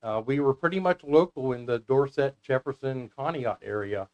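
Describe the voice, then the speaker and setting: Appearing as an interview guest, this American man, founder of a CB radio club, chats casually and tells anecdotal, conversational stories. His voice sits in the mid range at a normal speed, and the audio is dull.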